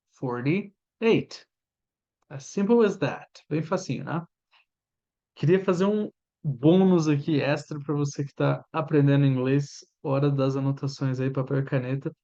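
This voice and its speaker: A Brazilian man in his thirties with a Brazilian Portuguese accent, an English teacher giving a chatty lesson and drilling pronunciation with slow repeats. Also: a little high, darkish tone, dull audio. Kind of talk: informal language lesson.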